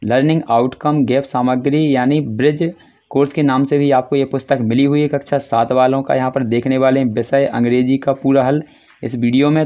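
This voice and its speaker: Man explaining a lesson, muffled dark voice. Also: medium pitch. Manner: repetitive, fills with "yahan par". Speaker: teacher solving textbook exercises. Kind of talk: explanatory lesson, walking through answers.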